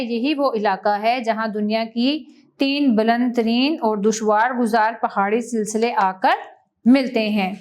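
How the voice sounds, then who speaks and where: Woman, teacher, slightly high voice, careful classroom reading. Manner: slow, clear classroom reading, stressing each word in lists. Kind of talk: reading a school textbook lesson aloud.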